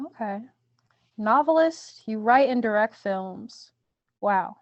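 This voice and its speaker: A woman's voice: fairly high pitch, animated, takes it slowly, no echo. A woman interviewing a guest, asking short questions and giving brief acknowledgements. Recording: dull, dry sound.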